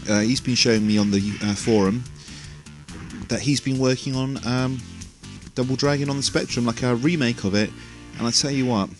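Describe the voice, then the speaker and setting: Chatty man narrating retro gameplay. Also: mid-range voice. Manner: chatty and rambling, frequent "you know" asides. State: slightly out of breath, tired. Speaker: retro gaming video host. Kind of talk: casual gameplay commentary.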